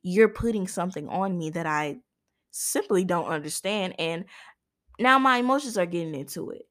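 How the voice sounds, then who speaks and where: Young female host, lowish pitch, emphatic personal monologue that circles back on its points. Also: lively intonation, normal speed, fairly bright tone. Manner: impassioned, emphatic, repeats and restarts phrases. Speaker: podcast host.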